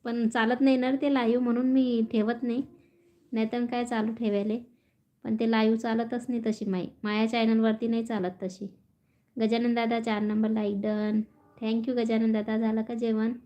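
A woman's voice: fairly high pitch, level tone, normal speed, warm tone. Chatty woman on a phone live stream. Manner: chatty, reads out viewer comments, laughs often. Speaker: vlogger reading live chat. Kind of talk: casual live-stream chat.

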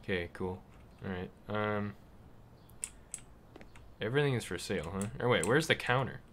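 A man casually commenting while playing a game, excitable and swearing freely, reading the game's dialogue aloud. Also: on the low side, normal speed, a little hiss or hum. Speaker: gaming video host. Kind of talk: casual let's play commentary.

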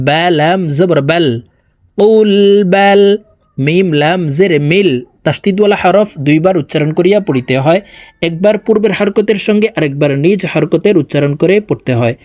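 Man, Quran reading teacher, high voice, slow drawn-out spelling, dry sound. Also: a little mellow, no room sound. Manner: slow, drawn-out syllable-by-syllable spelling with melodic recitation. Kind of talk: spelling out and chanting verses.

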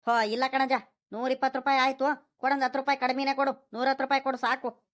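A woman voicing a young male village snack-shop keeper in a cartoon, calm and pleading, with a rural Karnataka Kannada accent. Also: high-pitched, fast talker, close to an everyday voice.

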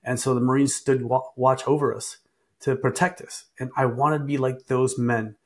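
A man in his fifties from Vietnam, a guest answering interview questions in a soft-spoken, earnest way over a video call. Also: mid-range voice, fairly even intonation, normal speed. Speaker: political candidate guest.

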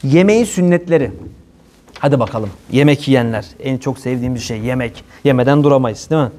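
A man hosting an informal religious talk, joking and lively, slipping into playful quoted voices. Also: medium pitch, brisk.

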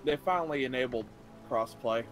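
A young man chatting casually with a friend over a game, relaxed and swearing freely. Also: mid-range voice, normal speed, faint music behind, rough recording. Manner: laid-back, swears freely. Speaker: co-player, friend. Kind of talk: casual chat while gaming.

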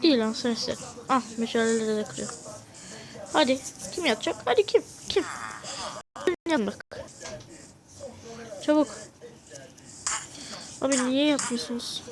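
A young gamer with a Turkish accent giving excitable, casual gameplay commentary and scolding the game characters. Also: sits high, unhurried, long pauses, a crowd in the background. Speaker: gaming video creator.

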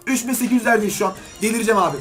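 A man doing excited gaming commentary as a YouTuber, pleading with and scolding the game while opening loot boxes. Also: sits high, racing, soft background music.

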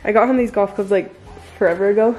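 A woman's voice: medium pitch, fast talker, darkish tone. A young woman with a cold, chatting casually and laughing often as she vlogs with her family. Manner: giggly, chatty. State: has a cold. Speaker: vlogger. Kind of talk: casual family vlog chat. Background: music.

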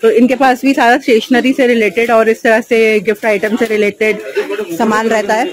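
A woman's voice: on the high side, flat delivery, normal speed. A woman vlogging through a busy outdoor market, chatting casually with sellers, asking prices and repeating them for viewers. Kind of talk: casual shopping vlog. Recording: loud crowd noise outdoors. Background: market crowd chatter.

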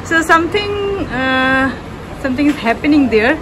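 A young woman narrates a casual walking tour as a travel vlogger, moving outdoors past village streets and balconies. Her high voice has lively intonation at a normal pace. Outdoor ambience and passing traffic come through clearly.

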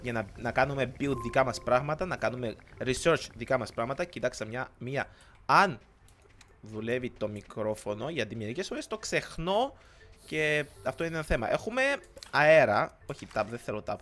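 A young man from Cyprus with a Cypriot Greek accent, a gaming YouTuber, gives casual let's-play commentary in an excitable, rambling way, often slipping in English words. His voice is mid-range.

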